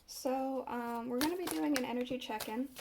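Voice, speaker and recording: A woman with a congested voice, recovering from a cough, giving a casual tarot reading with halting pauses. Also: sits high, vocal fry, background noise. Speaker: tarot reader.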